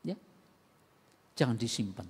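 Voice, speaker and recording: A man preaching a sermon as pastor, animated and acting out voices, with sharp swings in loudness. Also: medium pitch, a little slow, breathy edge. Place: church sanctuary. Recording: long church hall reverb.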